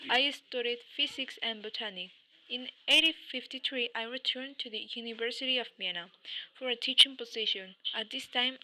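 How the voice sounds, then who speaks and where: A woman's voice: on the high side, sharp tone, poor audio. A woman giving a read-aloud school report in the first person as a historical scientist, stumbling and correcting herself as she goes. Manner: reads from a script with stumbles and self-corrections. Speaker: student presenter speaking as a historical scientist.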